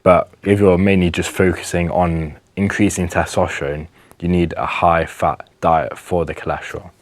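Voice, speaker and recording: Low-voiced young man giving earnest advice. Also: flat delivery, normal speed. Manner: earnest, emphatic, with restarts. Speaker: wellness vlogger. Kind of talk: casual advice monologue to camera.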